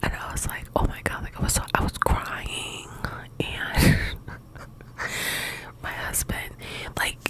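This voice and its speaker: Woman in a quiet, late-night ASMR whisper. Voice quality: breathy, unvoiced whisper. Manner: rambling, halting, filler "like". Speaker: ASMR video host. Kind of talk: whispered ASMR ramble, casual personal chat.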